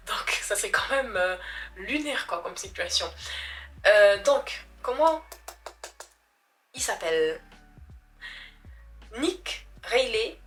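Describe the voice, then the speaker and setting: A woman's voice: mid-range voice, fairly bright tone. A young woman chatting casually about books she has read, self-mocking and stumbling over foreign names. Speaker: book vlogger.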